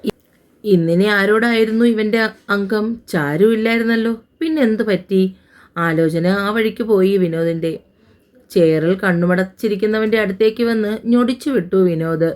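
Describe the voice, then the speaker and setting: A woman reading a romance audio novel aloud in a steady narrating voice. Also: medium pitch, normal speed. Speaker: storyteller.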